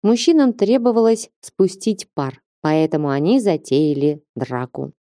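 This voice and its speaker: A woman reading an audiobook with even, measured narration. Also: sits low, no room sound, clean studio sound. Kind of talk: scripted narration.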